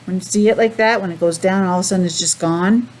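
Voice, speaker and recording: A woman teacher with a mid-range voice races through a picture book for young children, stopping for chatty asides and simple questions in an animated way. The recording is rough.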